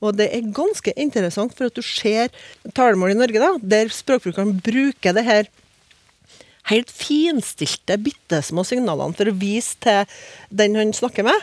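A woman's voice: medium pitch, expressive, darkish tone, no echo. Woman explaining dialect grammar on the radio, patient, lots of examples, dry studio mic. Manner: patient, explaining with examples, frequent tag questions. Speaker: language expert on panel.

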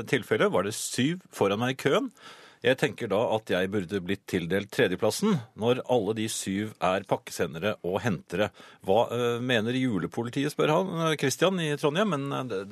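A man's voice: lowish voice, lively intonation, dry recording. A middle-aged man reading listener messages on radio in casual chat, hesitant with many filler sounds.

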